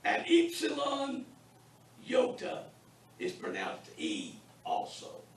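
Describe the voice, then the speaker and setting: Slow, singsong male teacher in echoey classroom. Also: very high-pitched, wildly swooping pitch, creaky, far from the mic, slight background noise. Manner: slow deliberate drilling with repetition; wry, teasing humor with students. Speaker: Bible college Greek teacher. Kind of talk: classroom lecture. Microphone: distant room mic. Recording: echoey classroom taped from afar.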